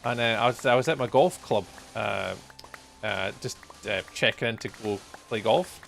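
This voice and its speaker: A fortysomething livestreamer from Scotland chats with viewers as he plays, loose and good-humoured with lots of ums and chuckles. His fairly low, fairly bright voice has vocal fry and moves at normal speed, with a little hiss or hum in the recording.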